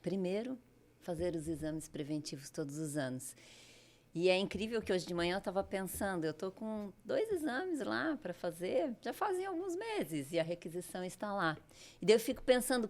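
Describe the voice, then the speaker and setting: A woman's voice: medium pitch, expressive, normal speed. A woman interviewing a guest, reflective and thinking aloud as she draws lessons from the story. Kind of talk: conversational podcast interview.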